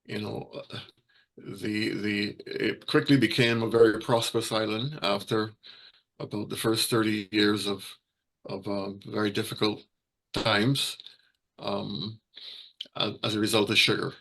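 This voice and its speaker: A man from Barbados giving an informal talk as a guest speaker, halting, with many fillers and restarts. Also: lowish voice, flat delivery, creaky, a bit bright, poor audio. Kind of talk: hesitant informal presentation.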